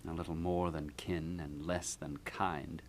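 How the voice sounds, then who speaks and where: Guy acting a gloomy bitter young prince, deep slow voice, shakespeare puppet show. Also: little pitch movement. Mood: bitter grief. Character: grieving, brooding young prince, bitter and sardonic.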